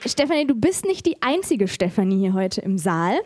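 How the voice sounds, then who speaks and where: A woman moderating a live event, chatty and quick to laugh. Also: mid-range voice, big pitch swings, darkish tone, slight background noise.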